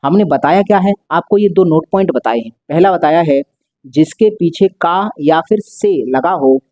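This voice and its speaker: A man's voice: fairly high pitch, expressive, moderate pace, darkish tone, no room sound. A male maths teacher explaining a lesson step by step, repeating and stretching out key words.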